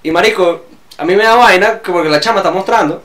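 A young man co-hosting a casual podcast, playful and expressive. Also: sits high, quick pace. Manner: playful and expressive, breaks into little squeals. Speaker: podcast co-host. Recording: roomy echo.

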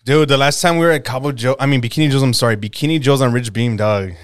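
A man co-hosting a podcast, telling stories in an excitable, profane casual chat. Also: medium pitch, quick pace, smooth, dry recording. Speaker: podcast co-host.

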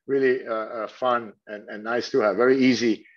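On a dull lo-fi recording, a middle-aged hotel general manager from Switzerland answers interview questions in a steady, mid-range voice at a moderate pace. His first language is French, and he relies heavily on fillers and restarts.

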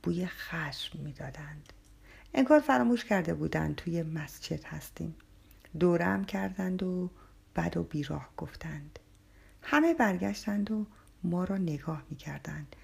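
A woman narrates a story in the first person, her voice soft and much of it whispered. It sits low, with a gravelly edge and a husky, breathy grain. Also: lively intonation.

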